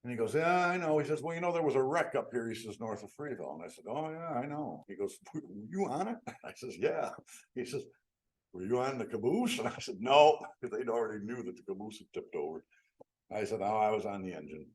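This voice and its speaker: A man's voice: lowish voice, fast talker. An older man from upstate New York, telling stories to a membership meeting in a folksy way and acting out the quotes. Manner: folksy, acts out quotes with rising excitement. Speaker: guest speaker. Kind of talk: storytelling talk.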